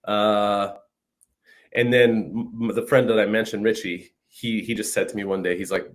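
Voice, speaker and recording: Over a video call from his home, a musician from northern Saskatchewan in Canada, aged in his fifties, talks casually with an interviewer. He has a lowish voice with a level tone and a moderate pace, and often says "you know what I mean"; the audio comes through a video call mic.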